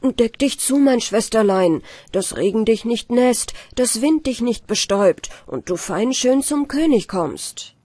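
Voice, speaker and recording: A woman voicing a devoted young coachman who speaks tenderly to his sister, in a breathy voice. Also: medium pitch, sing-song, unhurried, dark tone, full character voice. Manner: tender, pleading.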